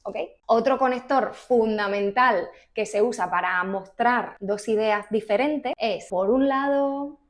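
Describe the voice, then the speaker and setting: Clear-spoken Spanish teacher woman. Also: fairly high pitch. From Spain. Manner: clear, deliberate, repeats key words. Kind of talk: casual video lesson.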